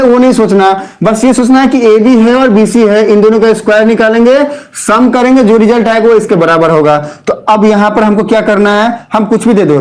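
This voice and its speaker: A man's voice: sits high, a little mellow. A man teaching a math class, explaining step by step and asking his students questions. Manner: explains step by step, asks students, counts aloud. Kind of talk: live online class.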